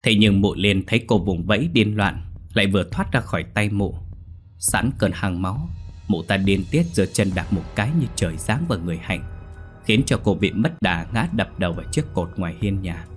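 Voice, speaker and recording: A male storyteller with a low voice reads a grim horror tale, his delivery lively and full of swings. Soft music plays quietly underneath throughout. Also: normal speed. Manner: expressive, vivid storytelling. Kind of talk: dramatic horror story narration. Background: soft background music.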